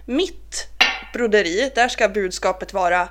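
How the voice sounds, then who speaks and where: En kvinna från med norrbottnisk pratar avslappnat som programledare. Hon skämtar gärna och retas med sin medvärd. Rösten ligger i ett vanligt mellanläge för en kvinna. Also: female voice, mid-range voice, noisy background. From Norrbotten, Sweden. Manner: playful, teasing, quick with jokes. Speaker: podcast co-host. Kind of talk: casual chat.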